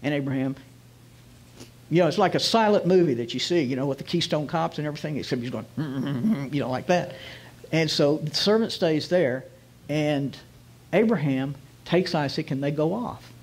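A man preaching as a guest rabbi, retelling a scene vividly and slowing down to stress key phrases. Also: fairly high pitch, animated. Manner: vivid retelling, drops to slow emphatic phrases. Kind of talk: storytelling sermon.

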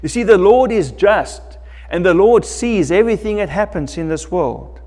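A middle-aged man preaching a sermon as pastor from a lectern in a church sanctuary, slow and emphatic, rising loud and dropping soft. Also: sits high, lively intonation, in a large hall. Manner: slow, emphatic preaching with wide swings in loudness.

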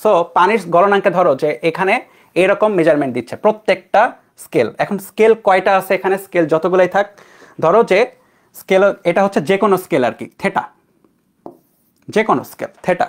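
A young man from Bangladesh teaching an online physics class, talking casually and checking in with his students. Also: high voice. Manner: conversational, checks in with students often.

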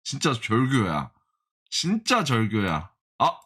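His medium-pitched voice is husky and a bit bright, swooping wildly up and down while he talks slowly. The young man is a stock-trading vlogger giving live commentary on his day trades, scolding the chart in exasperation and bantering jokingly with viewers.

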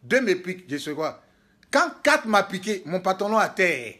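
High-voiced man telling animated stories. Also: normal speed. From Côte d'Ivoire. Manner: animated storytelling, laughing and exclaiming. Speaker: prophet and spiritual guide. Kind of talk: casual video diary. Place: hotel room, indoors.

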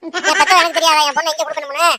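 A woman voicing a protective mother in a cartoon who talks back in brisk, snappy retorts. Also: high-pitched, level tone, pushed and bright, dry recording. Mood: irritated.

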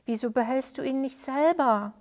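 Woman doing a calm loyal buddy, grown man, protective, storybook. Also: very high voice, moderate pace, voice pushed up. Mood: steady.

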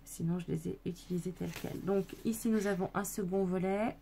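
A woman's voice: lowish voice, fairly even intonation, fairly quick, creaky, warm tone, a little hiss or hum. A woman casually showing off a handmade scrapbook album, talking with many fillers and self-corrections and speaking straight to her viewers. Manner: chatty, addresses viewers directly. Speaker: scrapbooking video maker. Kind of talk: casual craft show-and-tell.

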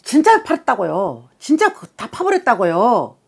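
A woman's voice: fairly high pitch, huge pitch swings, normal speed, gravelly, breathy edge. A woman shaman giving a blunt, scolding consultation, swearing and bursting into emphatic outbursts. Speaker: shaman fortune-teller.

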